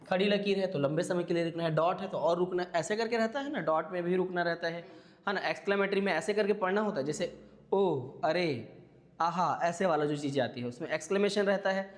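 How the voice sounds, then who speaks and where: A man's voice: high-pitched, long reverb tail. A man teaching an exam-prep class, explaining step by step and checking in with his listeners. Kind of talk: classroom lecture.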